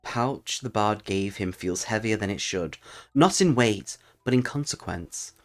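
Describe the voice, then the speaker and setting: A man hosts a solo tabletop roleplaying channel, addressing his listeners as a storyteller through narration and casual channel talk. His voice is on the low side and expressive, with a measured pace.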